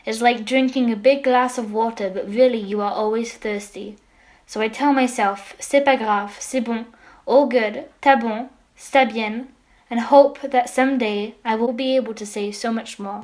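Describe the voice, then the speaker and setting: A woman's voice: fairly high pitch, steady tone, a little slow, darkish tone. A woman delivering a reflective scripted monologue, switching between languages.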